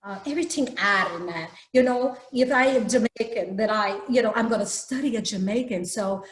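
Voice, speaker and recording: A woman theater teacher talks through a video call in an animated, hands-on way. Her mid-range voice carries a roomy echo. She sounds like she is coaching students live. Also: medium pitch, brisk. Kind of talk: online badge workshop talk. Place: home room.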